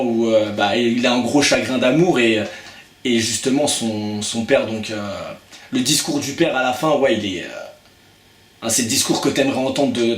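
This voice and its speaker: A man of middle pitch talks through his film picks in a loose, unscripted way, stumbling over words and padding with fillers as he goes. His voice carries a noticeable echo from the room around him. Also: a little hiss or hum. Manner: hesitant, many fillers and restarts. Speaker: film reviewer. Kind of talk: casual video review.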